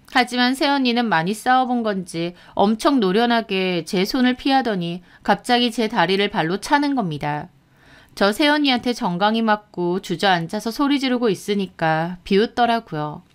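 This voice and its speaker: A young woman in her twenties telling a first-person story in a calm, confiding radio narration. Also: mid-range voice, smooth.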